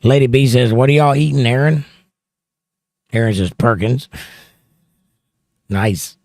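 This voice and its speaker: Held close to his mouth, a studio microphone picks up a man at medium pitch with a slightly mellow tone and measured pace, free of any room sound. He's casually hosting a livestream, reading chat messages aloud and chatting about them.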